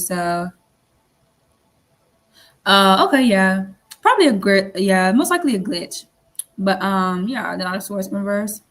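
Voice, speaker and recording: A woman giving a casual tarot reading, rambling and repeating herself, with lots of fillers and the odd casual swear. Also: mid-range voice. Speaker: tarot reader.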